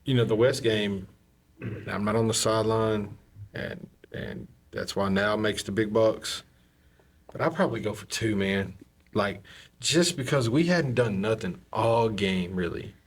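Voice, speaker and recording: A man chatting casually on a podcast, animated and laughing through stories. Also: on the low side, a little slow, breathy edge. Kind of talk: casual chat.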